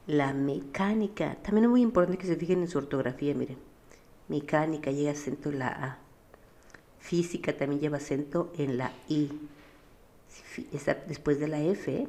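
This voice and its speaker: A woman's voice: low-pitched, warm tone. A woman teacher, patiently explaining a physics lesson and often checking that her students follow. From Mexico. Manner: patient, keeps checking with a questioning "sí?".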